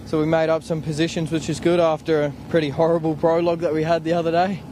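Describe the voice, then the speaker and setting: Young Australian man with a higher voice. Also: level tone, quick pace, mellow. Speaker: race navigator. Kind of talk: casual post-race interview. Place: outdoors at a desert race finish line. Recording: faint outdoor vehicle noise.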